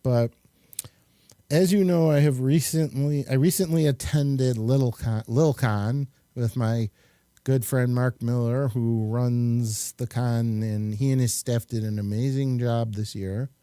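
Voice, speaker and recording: A man presenting his show casually, halting as he goes, with frequent pauses. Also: medium pitch, fairly even intonation, mellow, dry recording, studio quality. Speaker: show host and filmmaker.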